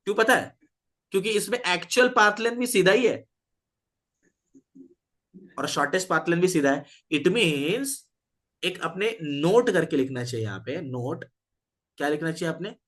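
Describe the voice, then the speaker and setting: A man's voice: high-pitched, lively intonation, moderate pace, long pauses, a bit bright. A man teaching a physics class, often stopping to ask his students questions. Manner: switches between Hindi, English and Marathi, asks the class questions.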